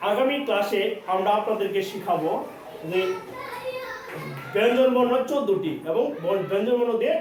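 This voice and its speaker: A man with a high voice and a Bangladeshi Bengali accent leads a language lesson, drilling sounds by saying them again and again. He is recorded from a distance in a very echoey room with faint background noise. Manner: repeats phrases and sounds slowly for drilling. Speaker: Korean language teacher. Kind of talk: classroom lesson.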